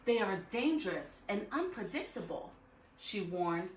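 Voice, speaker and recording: With lively intonation and an unhurried pace, a medium-pitched woman is recorded from a distance, with some hiss or hum and an echoing room. She hosts a school read-aloud on a live stream, speaking encouragingly to young children and asking "right?" and rhetorical questions often, then reads a storybook.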